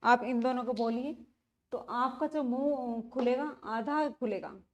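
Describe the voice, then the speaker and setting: A woman's voice: a little high, measured pace. A woman teaching a grammar lesson, repeating key terms and asking rhetorical questions as she explains. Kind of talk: classroom-style lesson.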